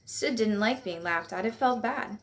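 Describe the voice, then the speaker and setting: A woman reading a children's picture book aloud at home, in a gentle, lively read-aloud voice. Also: mid-range voice, normal speed, creaky, faint music behind. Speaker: storyteller. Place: at home on a couch.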